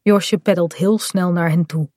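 A woman narrating a children's storybook in a clear, even storytelling manner. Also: on the low side, measured pace, no room sound, clean studio sound.

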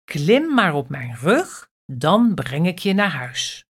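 A woman voicing a kindly elephant in a storybook reading, slow and gentle. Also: low voice, sing-song, exaggerated voice.

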